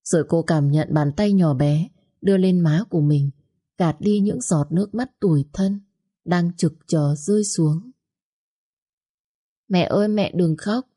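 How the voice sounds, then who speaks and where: A woman narrating a family story in a steady, measured way. Her voice sits low and sounds mellow and warm. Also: slightly rough.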